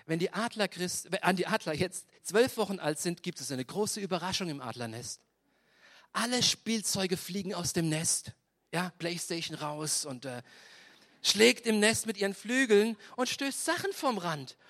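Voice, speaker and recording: Animated high-voiced man preaching. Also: moderate pace. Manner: animated storytelling with voiced asides; tags many sentences with "ja?". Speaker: pastor. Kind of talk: lively sermon.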